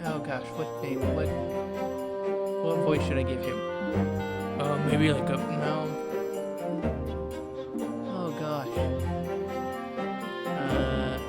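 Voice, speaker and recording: A man's voice: fairly high pitch, level tone, measured pace, pauses often. A man giving casual commentary as he streams a video game and reads out its dialogue. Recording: loud game music behind voice.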